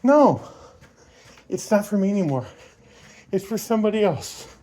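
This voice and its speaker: A man with a high voice and a soft, mellow tone records a casual vlog while running. He rambles informally through his opinions, thinking aloud as he goes. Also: big pitch swings, moderate pace, a little hiss or hum. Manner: talking while out on a run. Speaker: vlogger.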